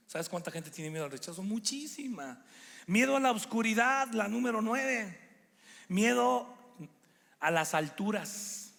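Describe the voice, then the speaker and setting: A middle-aged guest preacher delivers a sermon from a church stage in a voice a little high for a man, with a fairly bright tone. He speaks animatedly and adopts put-on voices for the people he quotes, while the big hall adds long reverb.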